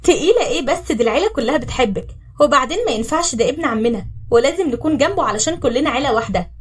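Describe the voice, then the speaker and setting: Bubbly young Egyptian woman, high and loud, husky and distant, played by the narrator. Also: animated, very fast. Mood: cheerful. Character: cheerful lively young woman, warm cousin.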